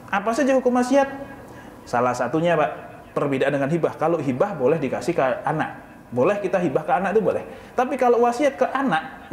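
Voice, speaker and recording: A man's voice: high voice, a little hiss or hum. Man preaching in an echoey prayer room. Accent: Indonesian, Jakarta. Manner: asks the audience questions and answers them himself; casual Jakarta colloquial speech. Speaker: Islamic preacher. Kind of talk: religious study talk.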